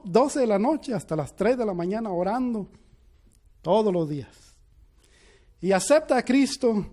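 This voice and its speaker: A male pastor with a high-pitched voice preaches a sermon, shifting between quiet, hushed storytelling and loud, emphatic preaching. He restarts his sentences often as he goes.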